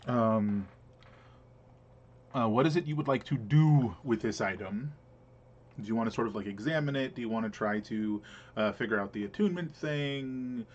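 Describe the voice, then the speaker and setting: A man running a tabletop game, narrating casually with many fillers and pauses. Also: medium pitch, a little mellow. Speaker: game master. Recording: dull lo-fi stream audio.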